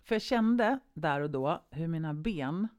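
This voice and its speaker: A woman co-hosting a casual podcast conversation, telling a personal story vividly and varying her pace between brisk and slow. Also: sits low, animated, a little mellow. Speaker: podcast co-host.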